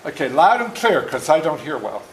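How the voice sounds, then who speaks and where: Reading his book to a room full of schoolchildren, a folksy man in his seventies speaks brisk and fairly high. He draws the kids in and acts out parts of the story with great animation. Echo fills the indoor room, and faint noise sits underneath.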